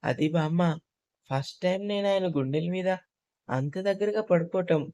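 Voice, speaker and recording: A woman narrator voicing a young wife who is shy, gentle and soft-spoken in an audio story. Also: lowish voice, normal speed, natural voice.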